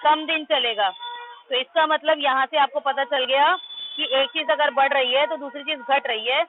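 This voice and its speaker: A woman's voice: high voice, fairly even intonation, moderate pace, faint music behind. A woman teacher giving a math class in Hindi-English mix, firmly correcting her pupils' pronunciation and quizzing them. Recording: tinny phone-like line.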